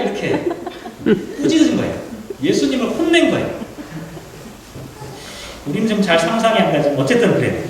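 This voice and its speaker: A male pastor preaching a sermon in a church, animated and full of rhetorical questions. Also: high voice, recorded from a distance. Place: church sanctuary. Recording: echoey hall, mic from afar, faint hiss.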